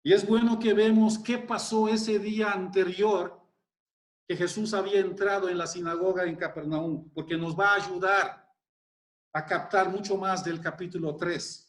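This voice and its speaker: A man preaching a sermon, explaining scripture in a deliberate, emphatic way and exclaiming in wonder. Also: sits high, steady tone, roomy sound.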